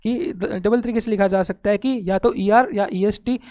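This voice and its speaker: A teacher with an Indian accent explaining a grammar lesson step by step, asking and answering her own questions and reading the rules out slowly. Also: mid-range voice, steady tone, dark tone. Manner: reads English rules slowly from a text.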